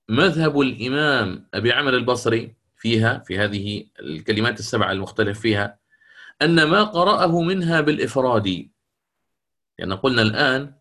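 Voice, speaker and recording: A man teaching the rules of Quran recitation in a lecture, who explains step by step, checks in with his listeners and recites verse examples slowly. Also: mid-range voice, a bit bright.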